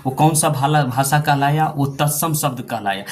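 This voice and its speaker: A man's voice: medium pitch, moderate pace. A man teaching a grammar lesson who explains step by step, puts questions to the class and answers them himself, repeats phrases and adds frequent tag questions.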